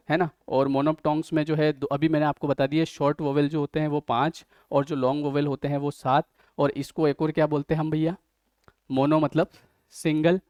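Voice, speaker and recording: Indian male tutor, fairly high voice, dry close mic, explains step by step and checks students follow. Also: a little mellow, no echo. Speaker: teacher. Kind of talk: online exam-prep lesson.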